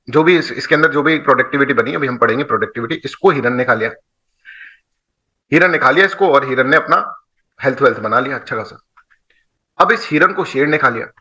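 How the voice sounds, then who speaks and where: A man's voice: a little high, sharp tone, poor audio. A man with an Indian accent giving a classroom lecture, explaining with playful back-and-forth dialogue and frequent checks that students follow. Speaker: teacher.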